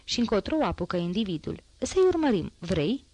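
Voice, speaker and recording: A woman voicing a curious, excitable young man who keeps asking eager questions, in an audiobook reading. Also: medium pitch, no room sound.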